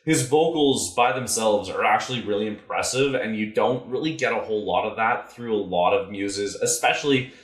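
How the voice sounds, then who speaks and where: A man hosting a relaxed album review chat, with a fairly low voice that talks through each track steadily. The room around him is noticeably echoey. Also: moderate pace, few pauses. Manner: thoughtful, steady, leads the segments. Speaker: podcast host.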